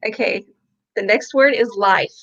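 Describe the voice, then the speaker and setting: A woman chatting casually, quick to laugh and joke at her own expense. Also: medium pitch, a bit bright, lo-fi sound. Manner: chatty, laughing, self-deprecating. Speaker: co-host. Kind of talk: casual chat.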